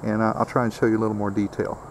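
Outdoors on a rural homestead, a man demonstrates a build in a casual, step-by-step walkthrough, plainspoken and full of "uh" fillers. His voice sits low with little pitch movement, he talks at a racing clip, and background noise is audible.

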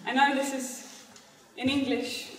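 A woman's voice: sits high, flat delivery. Woman on stage, echoey hall from afar. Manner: halting and informal, explains instructions slowly. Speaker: performance artist. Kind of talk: live performance addressing an audience. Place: stage in a hall before an audience. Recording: echoey hall recorded from far off.

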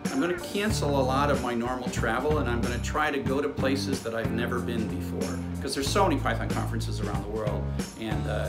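A man in his sixties, an online course instructor, chatting casually to a phone held at arm's length in a small karaoke room. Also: medium pitch. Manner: chatty, upbeat, frequent uh fillers. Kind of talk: casual video update. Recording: echoey room with music behind.

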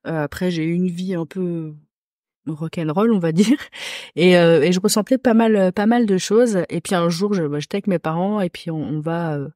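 A woman from Corsica, a podcast guest who reads runes, talking casually with many hesitant pauses. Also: on the low side, warm tone, dry recording, clean studio sound. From Corsica, France. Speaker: podcast guest, rune reader. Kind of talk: casual chat.

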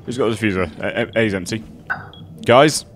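A man's voice: fairly low pitch, a little fast, a little hiss or hum. A man streaming a shooter game with friends, chatting casually and laughing at his own mistakes. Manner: giggly, self-mocking, lively. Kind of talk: casual gaming chat with friends.

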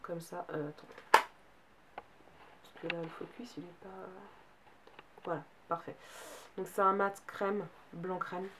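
Sitting indoors in her bedroom, a young woman who makes beauty videos talks through a haul in a relaxed way, a little worn out and stuffy from a cold. She speaks in a steady, lowish voice, slightly slowly and with long pauses, over faint background noise.

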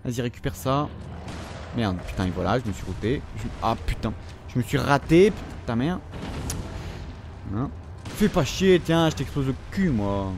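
A young man with a French accent narrates his own gameplay, swearing nonstop and scolding the on-screen characters. His mid-range voice is animated and a little mellow, moving at normal speed with frequent pauses, and there's a faint hiss or hum in the recording.

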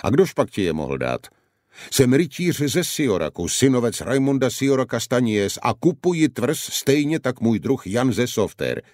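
A man's voice: mid-range voice, sing-song, a little mellow, no echo, clean studio sound, pitched above the performer's own voice, natural voice. A man voicing a proud young knight in an audiobook, firm and commanding. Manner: firm, demanding. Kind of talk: audiobook character voice.

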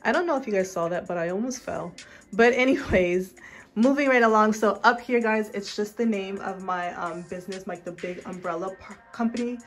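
A woman's voice: mid-range voice, brisk, soft background music. Chatty young woman touring her salon. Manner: chatty, addresses viewers as guys, many fillers. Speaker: loctician giving a salon tour. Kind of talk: casual vlog walkthrough. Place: small home salon room, indoors.

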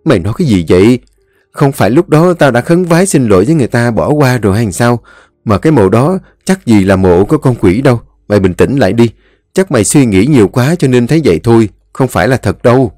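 A man's voice: medium pitch, lively intonation, quick pace, mellow, dry recording, studio quality, close to an everyday voice. A man voicing a young man who insists and reassures his friend. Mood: insistent. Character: young man trying to stay calm.

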